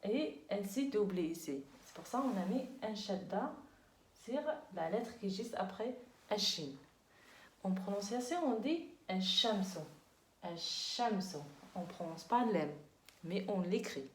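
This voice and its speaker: A woman's voice: medium pitch, expressive. Patient woman teaching, echoey room. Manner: patient, repeats words slowly, checks understanding. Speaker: Arabic teacher. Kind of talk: language lesson.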